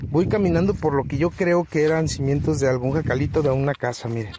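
A man's voice: fairly high pitch, steady tone, fast, noisy background. A man, chatting to viewers outdoors as he hunts for old relics, often calling them his friends. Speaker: treasure hunting vlogger. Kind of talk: casual outdoor commentary. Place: outdoors in open countryside.

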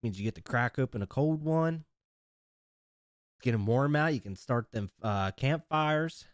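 A man with a mid-range voice hosting a live stream in a relaxed, chatty way. He reads viewer messages, thanks people by name and laughs often. His talk is loose, friendly everyday streamer banter. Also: mid-range voice, measured pace, no room sound, clean studio sound. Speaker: streamer and host. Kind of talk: live stream chat and roleplay commentary.

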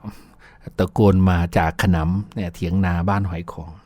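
A man's voice: deep voice, fairly even intonation, a little fast, darkish tone, slightly rough, no echo. A man hosting a radio show, telling folksy childhood stories in a chatty way and laughing often. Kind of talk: folksy storytelling. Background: faint music.

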